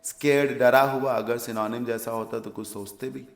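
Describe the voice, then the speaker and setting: Gravelly Indian male English teacher. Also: mid-range voice, fairly even intonation, moderate pace, echoey room. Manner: explains word meanings step by step, asks and answers his own questions. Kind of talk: exam vocabulary lesson.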